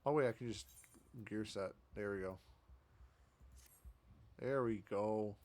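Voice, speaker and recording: A man's voice: lowish voice, slow, darkish tone. A man streaming a video game, chatting casually and rambling to himself as he plays. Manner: rambling, self-talking, chatty with fillers. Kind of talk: casual gameplay commentary.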